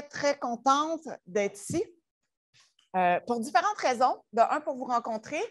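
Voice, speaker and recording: Chatty woman with a Québécois accent. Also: fairly high pitch. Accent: Québécois French. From Quebec, Canada. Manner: chatty and joking with the audience. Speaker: school innovation director presenting a workshop. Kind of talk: conference presentation. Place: presentation room.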